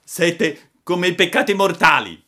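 A man's voice: high-pitched, big pitch swings, measured pace, fairly bright tone, voice pushed up, heavily acted. A man voicing a cheeky young male wooden puppet in a storybook reading, mocking and teasing.

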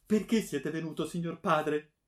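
A man's voice: fairly high pitch, measured pace, a bit bright, pitched above the performer's own voice. A man voicing a terrified eighteen-year-old noblewoman who begs for her life in trembling, desperate tones. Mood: desperate pleading.

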